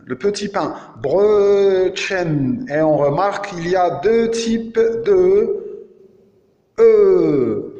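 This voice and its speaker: A man with an Algerian French accent giving a slow, deliberate pronunciation lesson as a teacher, repeating each word several times. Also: high voice, animated, mellow, dull audio. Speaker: language teacher. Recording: echoey hall with long reverb.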